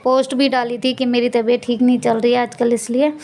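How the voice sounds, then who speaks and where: A woman's voice: a little high, little pitch movement, a little fast, noisy background. A woman chatting casually through a cooking vlog in her home kitchen, chuckling and laughing at her own slips of the tongue. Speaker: vlogger.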